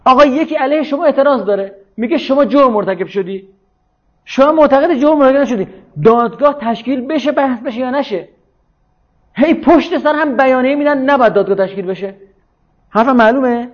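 A man's voice: very high voice, lo-fi sound. A man giving an informal, argumentative lecture who often asks his listeners whether they follow. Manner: argumentative, checks listeners follow with rhetorical questions. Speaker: speaker on religion and politics.

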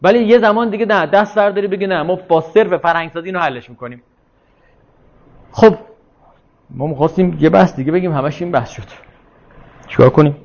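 High-voiced man giving an informal lecture. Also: long pauses, muffled recording. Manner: discursive, asks rhetorical questions, repeats points. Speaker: lecturer leading a discussion.

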